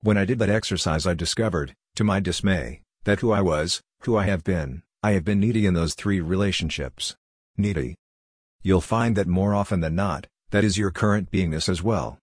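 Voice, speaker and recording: Man, life coach, deep voice, husky, earnest self-help monologue, dry close recording. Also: fairly quick, hardly any pauses, no room sound. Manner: earnest, direct, addresses the listener.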